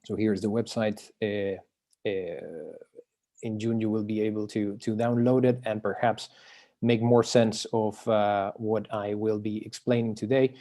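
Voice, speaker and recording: A man from Chile, presenting his book over a video call in an academic talk, pausing often with filler sounds and restarting phrases. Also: fairly low pitch, fairly even intonation, mellow.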